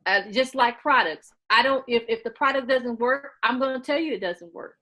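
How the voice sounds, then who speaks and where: A woman in her late forties with a naturally loud, fairly high voice speaks at normal speed as a guest in a casual interview. She comes across earnest and a bit preachy, repeating herself as she makes her points, and the recording is rough.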